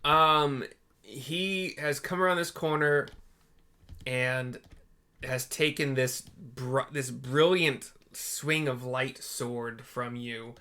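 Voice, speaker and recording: A man's voice: medium pitch, fairly even intonation, takes it slowly, bright, forceful tone, clean tone. A man running a tabletop game, narrating and ruling casually as he thinks aloud. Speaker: game master.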